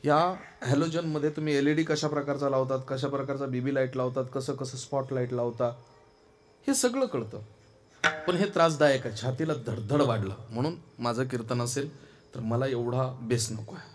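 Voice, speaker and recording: A man preaching a devotional kirtan sermon from a festival stage into a microphone, moving between quiet asides and loud, fervent exclamations. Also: mid-range voice, moderate pace, a little hiss or hum. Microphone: stage microphone through a sound system.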